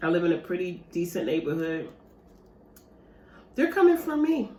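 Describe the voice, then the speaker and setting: A woman's voice: lowish voice, very animated, normal speed, mellow, a little hiss or hum. A woman vlogger, chatting casually and animatedly to her viewers while eating dessert at home. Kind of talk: casual mukbang chat to viewers. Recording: echoey room.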